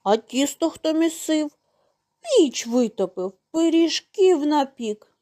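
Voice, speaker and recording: A woman voicing a hardworking, patient little rooster in a storybook tale, calling out loudly and asking pointed questions. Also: high-pitched, lively intonation, slow, voice pushed up. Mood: reproachful. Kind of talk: storybook character voice.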